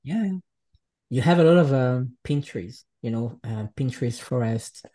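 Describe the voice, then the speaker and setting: A man from Switzerland talks as a guest in an unhurried conversation. His voice sounds dark and mellow. He often pauses and hunts for the right words. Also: mid-range voice. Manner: reflective, searching for words, speaks English as a second language. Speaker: guest artist. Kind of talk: casual conversation.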